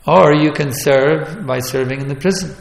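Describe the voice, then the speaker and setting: A man's voice: fairly high pitch, moderate pace, creaky. Emphatic male preacher in an echoey hall. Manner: emphatic, rhetorical questions, repeats points. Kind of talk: sermon.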